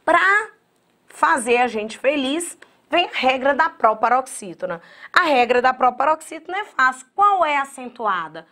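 A woman teaching an online exam-prep grammar lesson in a lively, chatty way, talking straight to her students. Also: high-pitched, moderate pace. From Brazil.

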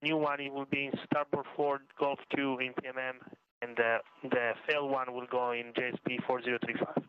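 A man's voice: medium pitch, level tone, brisk, clear, resonant tone, no echo. A man aboard the space station, reading back procedures over a radio downlink in clipped, procedural phrases that sometimes stumble. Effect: space-to-ground radio downlink. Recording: muffled radio channel.

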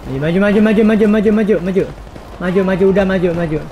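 A man giving casual gameplay commentary, shouting repeated commands and cursing at his teammates. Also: sits high, quick pace, slight background noise. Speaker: gaming YouTuber. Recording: game gunfire loud behind voice.

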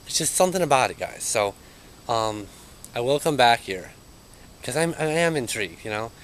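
A man's voice: mid-range voice, expressive, moderate pace, a little hiss or hum, rough recording. Uneasy young man, handheld outdoor vlog. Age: young adult. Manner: uneasy, hesitant, trailing off and muttering to himself. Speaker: urban explorer vlogger. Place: outdoors in an overgrown yard. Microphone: handheld camera.

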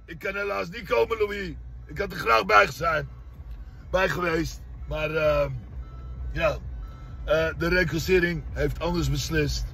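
A brash, cheeky man talks straight to the camera from his car. His voice sits high and bright with a gravelly edge, and he bursts into a shout now and then. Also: a little slow. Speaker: vlogger. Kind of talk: comic vlog message.

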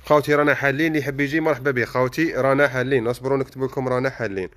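A man's voice: mid-range voice, fairly even intonation, racing, fairly bright tone. A man with an Algerian Arabic accent hosting a casual live stream from a household-goods bazaar, greeting viewers and calling out the goods on offer. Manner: calls out greetings and prices, inviting viewers. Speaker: live-stream host touring a shop. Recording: background noise with clattering dishes.

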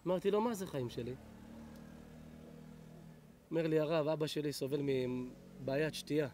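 A middle-aged man, a rabbi, giving a lively Torah lesson to an audience, telling stories in a hushed voice and rising into loud blessings. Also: fairly high pitch, a little hiss or hum. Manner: animated, drops to hushed tones for stories, then rises to loud blessings.

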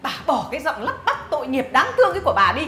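A woman's voice: high-pitched, wildly swooping pitch, racing, pushed and bright, echoey room, a little hiss or hum, heavily acted. An actress playing a scornful, bossy mother-in-law who scolds and mocks with sneering laughs. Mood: scornful scolding. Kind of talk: family drama acting.

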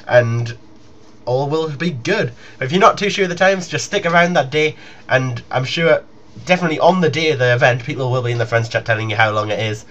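Speaking at a medium pitch with a slightly bright tone, a young man rambles informally through a casual announcement to his gaming channel's viewers. Noise and muffling mark the lo-fi home recording.

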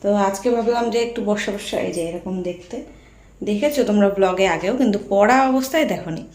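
A woman's voice: mid-range voice, brisk, a little mellow. Chatty Bengali woman vlogging at home. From India. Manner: chatty, addresses viewers directly with fillers. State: slightly hoarse with a sore throat. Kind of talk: casual vlog chat to viewers. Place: at home, in and out of doors.

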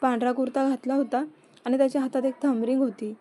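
A woman voicing Pooja, a teasing, quick-tempered young woman, in a storybook reading. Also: high-pitched, flat delivery, mellow. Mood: chatty. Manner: chatty, teasing.

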